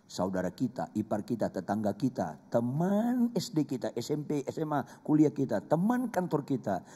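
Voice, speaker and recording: Man, Indonesian accent, pastor, lively sermon voice, echoing church hall. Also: mid-range voice, normal speed, husky. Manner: emphatic, humorous, repeats phrases for effect. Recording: long reverb of a church hall.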